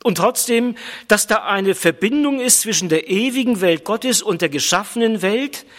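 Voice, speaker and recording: Male preacher, sermon, high voice, repeats phrases for emphasis, long church reverb. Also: expressive. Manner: emphatic, repeating phrases, slowing down on key words. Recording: long reverb of a large hall.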